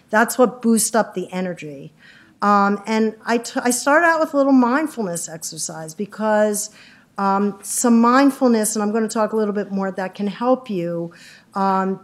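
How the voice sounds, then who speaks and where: Middle-aged woman doc giving a casual talk, chatty, lots of um and like, mid pitch. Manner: chatty, self-deprecating, many fillers and restarts. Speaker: psychiatrist giving a community talk. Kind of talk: informal lecture.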